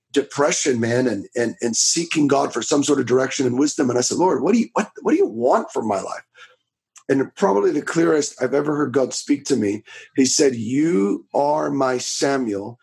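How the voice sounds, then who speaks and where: In a relaxed podcast interview, a man in his 30s from Florida shares his testimony as a preacher. His voice is raspy and medium in pitch, and his loud, rapid speech is full of restarts.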